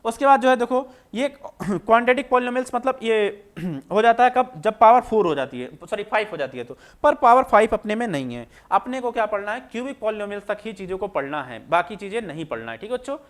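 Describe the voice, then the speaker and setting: A man. He keeps asking the class questions and answering them himself, repeating each point in a patient, drawn-out way. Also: high-pitched, animated. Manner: repetitive, asks students questions then answers them. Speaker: maths teacher. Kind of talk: classroom lecture explaining on screen.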